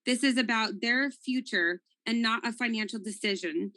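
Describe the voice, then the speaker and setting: A woman's voice: a little high, normal speed, bright, forceful tone. A woman, a parent, making an earnest public comment at a school board meeting over a video call, with repeated appeals.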